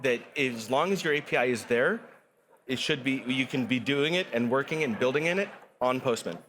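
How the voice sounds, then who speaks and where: Upbeat man explaining a software product. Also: medium pitch, expressive, a little fast, a little hiss or hum. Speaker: product guest. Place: conference studio set.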